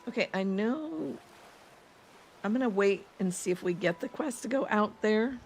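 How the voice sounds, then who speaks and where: A woman's voice: mid-range voice, animated, normal speed, a little mellow, slight background noise. A woman with an East Coast accent, streaming a game and chatting in a rambling, laughing way while reading chat aloud. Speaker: gaming streamer. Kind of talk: casual let's-play chat.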